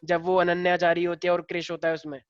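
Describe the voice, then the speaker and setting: A man's voice: high voice, completely flat delivery, fast, clear, resonant tone, no echo, dull audio. A male teacher lecturing a class in a casual way, explaining step by step and firing questions at the students.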